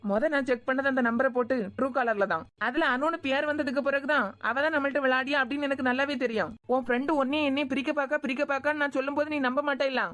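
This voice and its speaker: A woman's voice: high voice, steady tone, quick pace, hardly any pauses, fairly bright tone. A woman voicing a scheming young man. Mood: defensive. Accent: Kanyakumari Tamil. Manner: pleading then menacing. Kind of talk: cartoon web series voicing.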